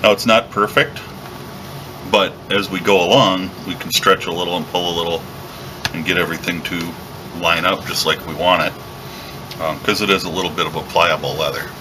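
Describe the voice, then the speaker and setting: A very deep-voiced man talks through a leathercraft job in a calm, step-by-step way as he works. He is recorded at his workshop bench, with a steady air conditioning hum clearly audible behind him. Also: moderate pace. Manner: relaxed, step-by-step explaining while working. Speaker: leatherworking instructor. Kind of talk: hands-on craft tutorial.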